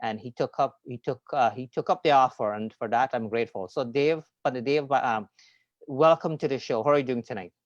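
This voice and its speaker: A man's voice: mid-range voice, a little fast, no echo, dull audio. A man hosting an online talk show, chatting in a friendly, rambling way with plenty of fillers. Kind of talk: casual interview chat.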